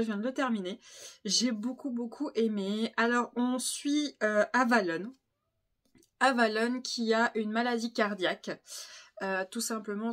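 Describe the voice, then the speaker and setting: A woman vlogger chatting casually about books she has read, enthusiastic and full of fillers and repeats. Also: medium pitch. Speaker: book vlogger. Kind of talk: casual book review chat.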